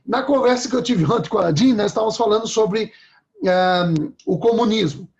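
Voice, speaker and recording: A man's voice: high voice, moderate pace, darkish tone, dull audio. A man preaching a sermon in a conversational way, often checking in with his listeners.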